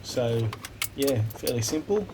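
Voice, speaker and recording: A man's voice: medium pitch, takes it slowly, creaky. A man with an Australian accent casually explaining a workshop build in a voice-over recorded on a phone voice recorder app. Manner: relaxed, plain-spoken, explains step by step. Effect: recorded on a phone voice recorder app instead of a microphone. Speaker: woodworking video maker. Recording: noisy phone voice-memo recording.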